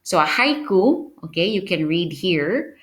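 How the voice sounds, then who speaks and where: Slow, patient woman teaching a class. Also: on the low side, sing-song. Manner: slow, patient explaining, frequent "okay?" check-ins. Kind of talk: recorded online class lesson.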